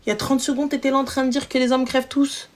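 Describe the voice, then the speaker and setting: A woman's voice: high voice, level tone, fast. A woman hosting a live stream, giving blunt, teasing, slangy advice to callers in casual chat.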